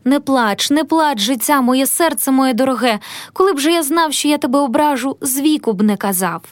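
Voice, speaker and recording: A woman voicing a kind young male landowner who speaks gently and pleads with his wife in a soft, coaxing tone. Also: sits high, animated, a little fast, no echo, studio quality. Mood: gentle.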